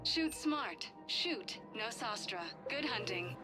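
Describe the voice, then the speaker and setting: A woman playing a shop announcer in a video game, delivering sales pitches as a loudspeaker announcement with smooth, scripted advertising patter. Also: lively intonation, takes it slowly. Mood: promotional. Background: loud game music.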